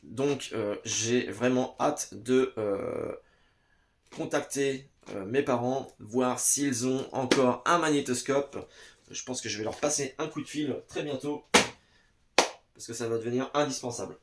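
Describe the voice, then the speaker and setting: Slow, hesitant man vlogging. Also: mid-range voice, noisy background. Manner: hesitant, many "euh" fillers, addresses viewer as "tu". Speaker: vlogger reviewing VHS tapes. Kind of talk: casual chat to camera. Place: home basement. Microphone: camera in front.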